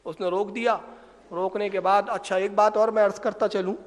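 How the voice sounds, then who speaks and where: A man with a high-pitched voice tells a story as a sermon, animated and given to sudden emphatic bursts. His voice rings through a hall with a long, trailing reverb. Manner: animated, swells to emphatic loud passages. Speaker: preacher.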